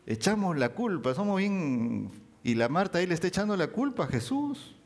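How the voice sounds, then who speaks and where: A man preaching a sermon, speaking in an animated way, rising and dropping his voice for emphasis. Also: high-pitched, normal speed.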